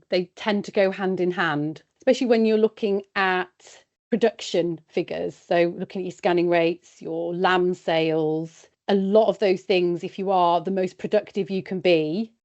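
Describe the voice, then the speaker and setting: A woman's voice: lowish voice, a little mellow. A woman from West Wales, speaking in a chatty, practical way as an independent sheep consultant in a podcast interview. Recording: dull, lo-fi sound.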